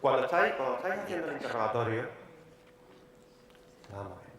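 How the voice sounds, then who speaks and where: A man's voice: medium pitch, very animated, a bit bright. Emphatic Spanish man in an echoey hall. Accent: Peninsular Spanish. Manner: brisk, emphatic, repeats key words. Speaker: lawyer leading a workshop. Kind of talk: live workshop lecture. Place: large conference hall. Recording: echoey hall, faint room noise.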